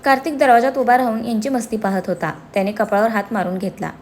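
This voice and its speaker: A woman's voice: on the high side, fairly even intonation, fast, a little hiss or hum. A woman narrating a serialized romance story, reading dramatically and voicing every character herself.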